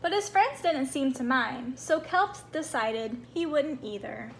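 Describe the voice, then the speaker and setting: A woman with a high voice reads a children's story aloud. Her delivery is expressive and animated, made for young listeners. There is faint noise behind her. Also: measured pace. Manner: animated, acts out small moments.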